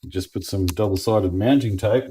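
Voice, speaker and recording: An Australian man with a fairly low, dark, husky voice speaks at normal speed in a casual unboxing and hands-on product review. He's laid-back and plain-spoken, as if thinking aloud.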